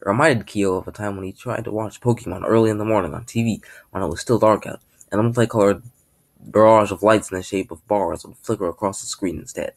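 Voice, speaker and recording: Low husky man reading his own story. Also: fast talker. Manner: offhand, self-correcting reading with restarts.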